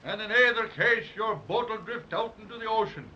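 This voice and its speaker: A man's voice: sits high, brisk, slight background noise, close to an everyday voice. An actor playing a round, stubborn, self-important policeman with a brogue, in a 1930s radio drama. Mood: matter-of-fact. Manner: blunt, drawling, self-important. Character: round stubborn roly-poly policeman, male. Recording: dull lo-fi old radio recording.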